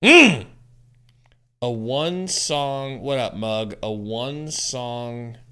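A man in his thirties co-hosting a live game-reaction stream from home on a headset, with excitable, teasing banter. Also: medium pitch, very slow, smooth. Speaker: podcast co-host.

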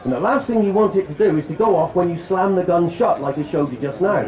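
A fairly high-voiced man talks straight to a crowd at an outdoor show, chatty and full of jokes. The sound is echoey and dull, like a public address at a fair. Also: fast, darkish tone. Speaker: shooting demonstrator. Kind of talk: outdoor live demonstration talk. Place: outdoor country show, on a stand.

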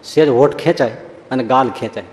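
A man giving a humorous religious talk, telling anecdotes in a lively storytelling way and acting out the people in them. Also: medium pitch, a little fast. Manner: storytelling, animated, acts out quoted voices. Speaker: preacher. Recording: long hall reverb.

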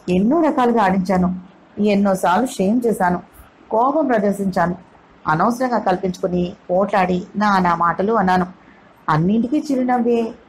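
A woman voicing a proud, quick-tempered young woman in an audio novel, speaking fast and heatedly. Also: mid-range voice, a little hiss or hum, close to an everyday voice, rough recording. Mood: confiding.

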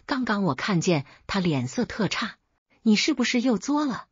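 A woman's voice: medium pitch, big pitch swings, moderate pace, breathy edge, no echo, lo-fi sound, voice pushed up. A woman voicing a cold, scolding mother. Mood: impatient. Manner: scolding, brusque. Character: harsh middle-aged mother, cold and impatient.

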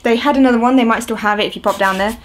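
Her voice a little high and her delivery rapid-fire, a woman in her twenties unboxes on camera while seated on a sofa. The video host chats casually from a small indoor room at home, rambling with plenty of ums and uhs.

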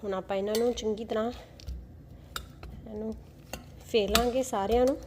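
A woman's voice: a little high, steady tone, moderate pace. A young mother, chatting casually as she cooks in her home kitchen and playfully coaxing her toddler. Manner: playful, coaxing tone toward a small child. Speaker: mother cooking on a family channel. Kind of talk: casual cooking vlog talk with a toddler. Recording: noisy home kitchen recording.

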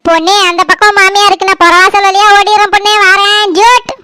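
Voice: extremely high pitch, level tone, fairly quick, heavy background noise, voice pushed up. A woman doing a frantic young village wife with a Kanyakumari accent. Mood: panicky. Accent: Kanyakumari Tamil. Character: panicky young village woman fleeing her mother-in-law.

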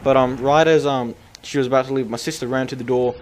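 A young man chats loosely over his match footage, his mid-pitched voice wandering from point to point between lots of ums and uhs. Faint gunfire from the game sits under his voice. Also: fairly even intonation, quick pace, slight background noise. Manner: rambling, filler-heavy, chatty. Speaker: gameplay commentator. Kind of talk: casual gameplay commentary.

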